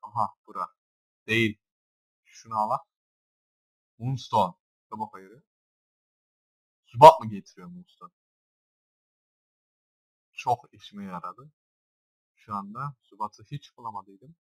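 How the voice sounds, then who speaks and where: A young man casually commenting on his own gameplay, swearing constantly and jumping between low mutters and loud shouts. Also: slow, long pauses, low-quality recording.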